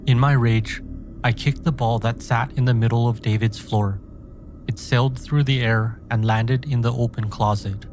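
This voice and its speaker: A man reading a scripted scary story in a measured, dramatic first-person manner. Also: on the low side. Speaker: horror story narrator. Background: background music.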